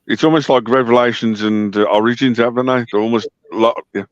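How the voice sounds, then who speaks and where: A man chatting casually on a live stream, teasing and animated. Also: medium pitch, fast, no room sound, muffled recording.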